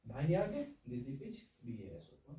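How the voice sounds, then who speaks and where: A man's voice: medium pitch, huge pitch swings, unhurried, warm tone. A man teaching a science lesson, explaining with homely, playful analogies and checking often that students follow. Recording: echoey room, voice from far off.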